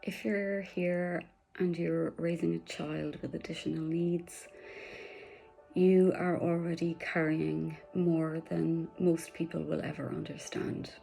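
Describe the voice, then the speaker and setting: A woman guides a meditation in a soft, soothing, low-sitting voice. At times she slips into breathy whispers.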